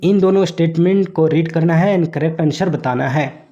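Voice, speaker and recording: A man teaching an exam revision lesson, mixing in English terms and pausing to let viewers think, his throat a little sore. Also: fairly high pitch, mellow, lo-fi sound.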